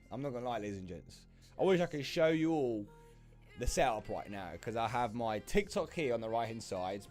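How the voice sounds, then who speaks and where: A man's voice: medium pitch, a little mellow. A young man hosting a trading livestream from his home desk, chatting casually through a desk microphone, full of fillers and greetings to viewers.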